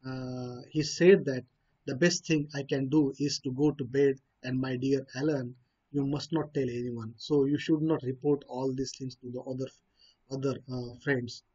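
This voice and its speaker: A man's voice: medium pitch, fairly even intonation, normal speed, warm tone, breathy edge. A man with an Indian English accent reads a story and explains it in his own words, hesitating often with fillers and restarts. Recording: dull lo-fi recording.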